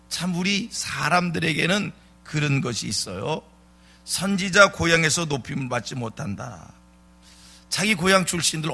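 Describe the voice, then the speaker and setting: Rhetorical questions and emphatic repetition fill this dawn sermon, given by a male pastor in a church sanctuary. His voice is a little high, pushed and bright.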